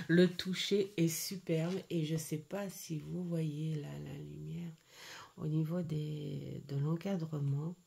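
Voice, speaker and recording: A middle-aged woman talks slowly through a casual card-deck review at home. Her voice sits low and mellow, and she stops and starts with many fillers. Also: fairly even intonation, vocal fry. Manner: hesitant, full of "euh" fillers and restarts. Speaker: tarot and oracle card vlogger. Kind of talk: casual unboxing and review chat.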